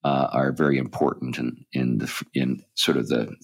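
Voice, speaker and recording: A man's voice: extremely low pitch, fairly even intonation, moderate pace, breathy edge. A man hosting a podcast, talking casually and rambling with many ums and restarts. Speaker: podcast host. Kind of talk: casual chat.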